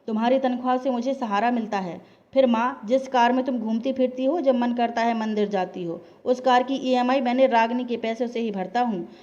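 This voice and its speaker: A blunt, exasperated young husband in a family story, as a woman narrator plays him. The voice stays in her own slightly high register and comes through a dull, lo-fi recording. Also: a little mellow, lightly acted.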